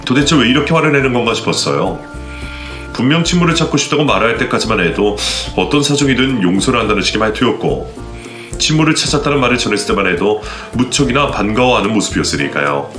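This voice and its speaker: A man doing scripted first-person narration of a dramatic story for a radio-style channel. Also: medium pitch. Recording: roomy echo, faint background music.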